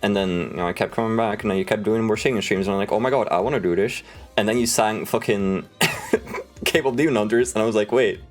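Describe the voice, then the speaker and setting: Young male streamer, lowish pitch, casual and sweary storyteller, music playing behind him. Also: fairly even intonation, brisk. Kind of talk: casual livestream chat. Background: background music.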